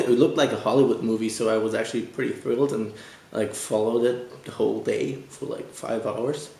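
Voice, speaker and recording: Gravelly young German man. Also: mid-range voice, a little mellow. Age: 20s. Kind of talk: personal recollection. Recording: echoey room.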